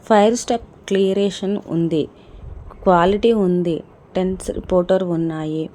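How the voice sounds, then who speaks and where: Woman reading as a desperate young husband, storybook, low mellow voice, urgent pleading. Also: fairly even intonation, normal speed, lightly acted. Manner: pleading, then roaring.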